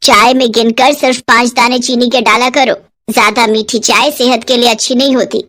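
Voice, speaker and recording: A woman does cartoon voice acting as a stingy, scolding middle-aged mother-in-law, bossy and penny-pinching in her speech. Her voice is a little high, bright and forceful, keeping a steady tone at normal speed.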